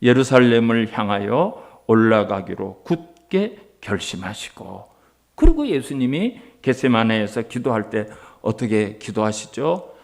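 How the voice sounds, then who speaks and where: A male pastor preaching a sermon, acting out quoted voices and swinging from hushed passages to loud, emphatic ones. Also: lowish voice, big pitch swings, unhurried.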